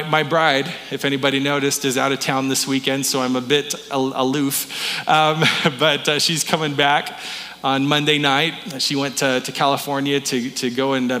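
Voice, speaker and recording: In a church sanctuary with a big-room sound, a man with a mid-range voice preaches a warm, conversational sermon. He often stammers and restarts his words.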